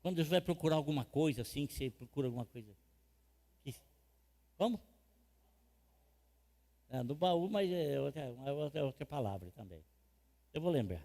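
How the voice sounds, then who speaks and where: A man with a Brazilian Portuguese accent preaching a sermon as pastor, swinging from loud emphatic lines to quiet asides and repeating phrases for emphasis. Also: fairly high pitch, lively intonation, moderate pace, long pauses. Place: church hall. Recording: long reverb of a church hall.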